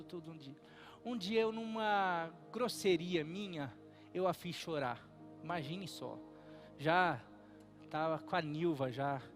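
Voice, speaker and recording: A middle-aged Brazilian man, a pastor, preaching an earnest and emphatic sermon at a church service. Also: high-pitched. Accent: Brazilian Portuguese.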